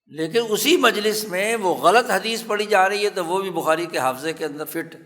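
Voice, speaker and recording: A man with a Pakistani Urdu accent, a religious scholar giving a formal hadith lecture, telling the story in a slow, measured way and repeating key phrases for emphasis. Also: high voice, fairly bright tone. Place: lecture hall at a religious institute. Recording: long hall reverb.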